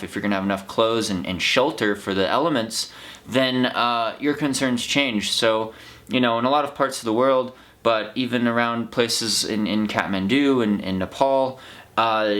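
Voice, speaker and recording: A man's voice: on the low side, fairly bright tone. An American man talking in a casual, unscripted vlog monologue, rambling in a reflective, earnest way. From United States. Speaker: vlog host, trail runner.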